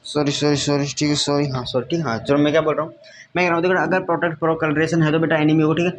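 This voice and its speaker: Racing through a classroom science lecture with a whiteboard, a man speaks in a flat, somewhat high voice. He repeats points, calls the students "beta," and constantly checks whether they've grasped things. A little hiss or hum sits in the audio.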